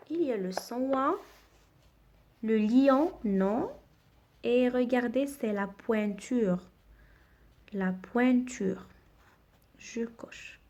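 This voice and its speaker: A woman teacher giving a children's reading lesson, spelling out sounds slowly and deliberately. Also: on the high side.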